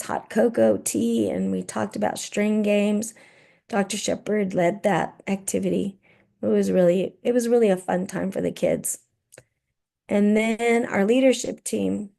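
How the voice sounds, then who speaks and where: Gravelly-voiced woman giving a school report. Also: medium pitch, warm tone. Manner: informal, with fillers and restarts. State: losing her voice. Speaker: school administrator. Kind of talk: meeting report.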